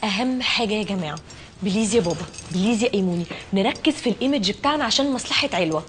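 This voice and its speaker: A woman playing a fast-talking, exasperated older sister. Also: medium pitch, lively intonation, slight background noise, lightly acted. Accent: Egyptian Arabic. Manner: exasperated, scolding. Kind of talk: comedy sketch acting.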